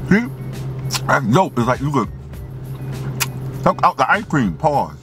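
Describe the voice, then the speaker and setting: A man's voice: mid-range voice, big pitch swings, a little slow, over music. A hyped, slangy man, chewing with his mouth full as he reviews a snack. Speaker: food reviewer and stand-up comic. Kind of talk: casual snack review vlog.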